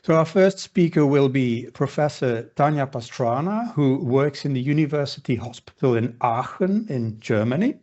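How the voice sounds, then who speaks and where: A man's voice: mid-range voice, expressive, moderate pace, few pauses, a little mellow. A man hosts an academic webinar and introduces the speakers in a formal tone, with the odd wry aside. His voice sits mid-range. It comes through a slightly muffled video call. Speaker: webinar moderator.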